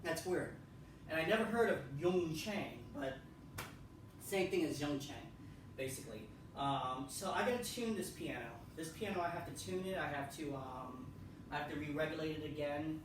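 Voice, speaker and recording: The piano vlogger speaks at normal speed in a voice on the high side, giving a casual, rambling tour of the pianos at his home full of ums and repetition. He is far from the mic in an echoey room of the house, with noise in the background.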